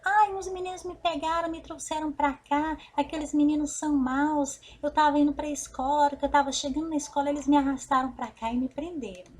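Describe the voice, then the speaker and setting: A woman voicing a fibbing wooden puppet boy in a high, whiny, pleading voice, as in a storybook. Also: steady tone, fairly quick, hardly any pauses, close to an everyday voice.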